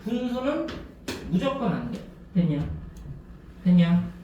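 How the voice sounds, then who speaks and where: A male math teacher giving a classroom lecture, drilling students with quick check questions. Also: sits high, very animated, muffled recording, background noise. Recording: echoey classroom from a distance.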